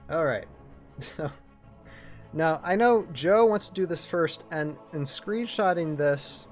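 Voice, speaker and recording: A man's voice: a little high, lively intonation, slow pace, faint music behind. A man hosting a casual live-stream chat, chatty and leading the segments. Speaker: podcast host.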